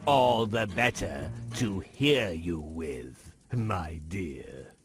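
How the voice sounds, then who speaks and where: A man's voice: low voice, lively intonation, a little hiss or hum, exaggerated voice. An actor playing a sly male wolf in a children's cartoon, theatrical and falsely sweet as he schemes. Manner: slow, theatrical, falsely sweet when tricking. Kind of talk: children's cartoon storybook acting.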